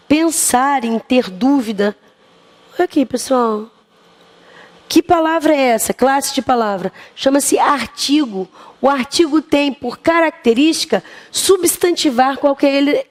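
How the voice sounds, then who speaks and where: A woman with a Brazilian Portuguese accent teaching an exam-prep grammar lesson, lively and often asking the class questions. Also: high-pitched.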